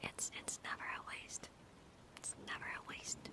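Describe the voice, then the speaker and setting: A woman livestreamer in a whispered ASMR stream chat, softly thanking viewers and halting with fillers. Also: poor audio.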